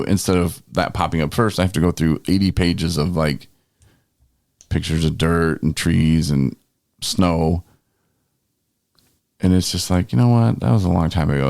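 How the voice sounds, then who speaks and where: A man hosts a podcast in a very low voice with a gravelly edge of vocal fry. He chats casually and rambles along in loose, conversational phrases. The recording is dry and close. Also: darkish tone, dry recording. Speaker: podcast host. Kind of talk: casual chat.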